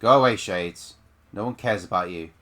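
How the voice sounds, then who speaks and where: A male streamer with a low, bright-edged voice talks through a game in casual commentary, tossing off sarcastic asides. Faint game music runs under him on a desk mic. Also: moderate pace. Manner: sarcastic, offhand remarks. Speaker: let's play streamer.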